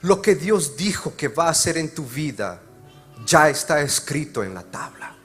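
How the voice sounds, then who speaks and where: A male pastor preaching a sermon, moving between loud emphatic passages and quiet, slow explanation. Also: fairly high pitch, sing-song, husky, soft background music. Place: church service.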